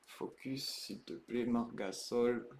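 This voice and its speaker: A man streaming a live card break, calling out each card in slow, hushed commentary that bursts into ecstatic shouting. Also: medium pitch, fairly even intonation, slight background noise.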